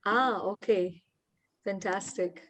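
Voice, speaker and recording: A woman's voice: medium pitch, slow. A woman, leading an online goal-setting workshop over a video call and asking participants questions. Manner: warm encouraging, asks participants questions. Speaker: workshop facilitator and founder.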